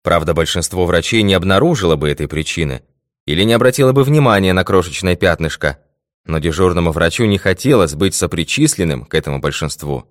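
A man narrating an audiobook with steady, even storytelling. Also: sits low, quick pace, dry recording, studio quality.

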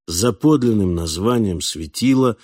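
Husky, mellow male audiobook narrator. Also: fairly low pitch, lively intonation, no echo, studio quality. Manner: measured, literary storytelling. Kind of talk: audiobook reading.

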